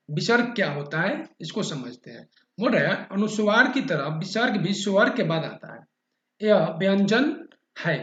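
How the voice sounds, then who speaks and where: A man with a high voice explains grammar step by step, repeating key words and checking that his listeners follow. His voice bounces around an echoey room. The recording sounds dull and muffled. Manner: patient, repeats key terms and checks in often. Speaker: teacher.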